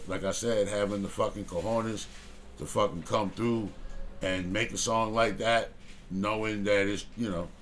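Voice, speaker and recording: A man's voice: on the low side, fairly bright tone, slight background noise. A man hosting a music review show, talking loosely with lots of filler and swearing. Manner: rambling, loose, heavy cursing and filler. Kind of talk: casual music review talk.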